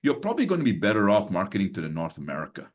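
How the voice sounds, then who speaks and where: This deep-voiced man, a business mentor in his sixties who grew up in Singapore, runs a live webinar over video in a chatty, filler-heavy style. He talks very fast, his pitch swooping wildly, and he chuckles softly between points.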